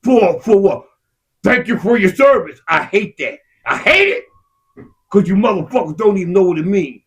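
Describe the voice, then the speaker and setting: Impassioned and profane, the male podcast co-host is locked in a heated, casual exchange. His husky, high-set voice swings widely in pitch at a normal speed and climbs to shouts as he insists on his points.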